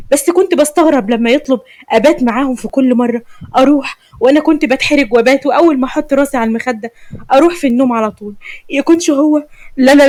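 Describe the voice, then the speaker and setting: A woman's voice: sits high, darkish tone, no echo. A woman with an Egyptian accent narrating a dramatic first-person story in an emotional, anxious manner. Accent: Egyptian Arabic.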